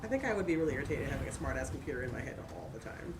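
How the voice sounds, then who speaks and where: A woman casually commenting while she plays a video game, chatty and quick to laugh. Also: extremely low pitch, very animated, very noisy. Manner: chatty, laughs often, talks to herself about the game. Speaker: streamer playing a video game. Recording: game music loud behind her.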